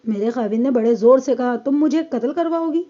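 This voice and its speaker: A woman's voice: fairly high pitch, dark tone, lo-fi sound, close to an everyday voice. A woman voicing a defiant young wife who bluntly tells her story in a police statement, read as an audiobook. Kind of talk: audiobook reading.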